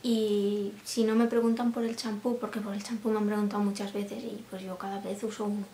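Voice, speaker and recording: A young woman chatting casually to camera, laughing often and dropping into soft asides. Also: mid-range voice, level tone, brisk. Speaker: vlogger. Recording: roomy room with faint hiss.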